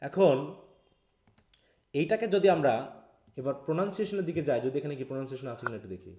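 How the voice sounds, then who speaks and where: A man's voice: on the high side, animated, quick pace, mellow, echoey room. A man with a Bangladeshi accent teaching a live linguistics class, explaining step by step and often asking his students questions. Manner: explains step by step, mixing English terms, asks students questions. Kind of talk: live online class lecture.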